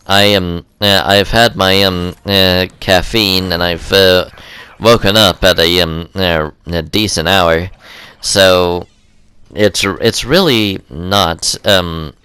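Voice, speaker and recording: A man's voice: low voice, sharp tone, clean tone, no echo. A young man giving casual gameplay commentary in a rambling way, full of ums and uhs.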